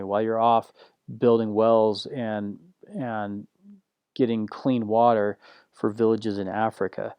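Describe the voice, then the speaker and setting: A man teaching a recorded online course in a slow, low-key, unanimated way, often restarting his sentences. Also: a little mellow, clear, resonant tone, no echo. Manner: frequent restarts and filler words.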